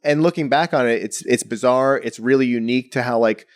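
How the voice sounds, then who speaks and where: This young Bronx painter, a guest in an interview, talks in a rambling, casual way, leaning heavily on "like" and "you know." He speaks briskly in a mid-range voice, recorded in clean studio sound with no room sound.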